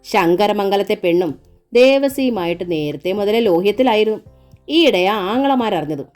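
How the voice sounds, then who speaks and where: A woman's voice: medium pitch, expressive, normal speed, a little mellow, soft background music, lightly acted. A woman voicing a spiteful older village man who spreads scornful accusations.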